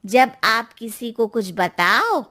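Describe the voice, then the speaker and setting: A woman voicing a gossipy older neighbor aunt who speaks in slow, ominous warnings in a cartoon story. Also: a little high, sing-song, sharp tone, exaggerated voice.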